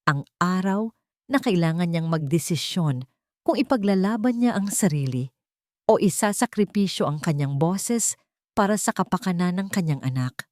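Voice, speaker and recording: A woman with a Filipino accent narrates a scripted, dramatic story in a lowish, darkish, expressive voice at a moderate pace. The recording is dry, with clean studio sound.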